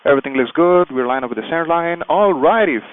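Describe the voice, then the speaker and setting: A slightly high, expressive male voice talks fast over phone-quality audio. He's a pilot and video host in a small plane cockpit, walking through procedures step by step and making radio calls for an instructional vlog.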